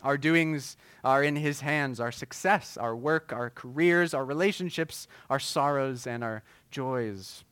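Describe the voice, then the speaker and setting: A man preaching a sermon as pastor, earnest and measured, with frequent filler words. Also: mid-range voice, a bit bright, clean tone, dry recording.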